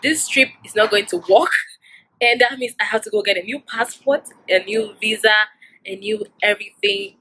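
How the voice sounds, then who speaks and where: A young woman vlogger retelling a stressful robbery story in an emotional, animated way, with many asides. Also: medium pitch, slightly rough, low-quality recording. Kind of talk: storytime vlog.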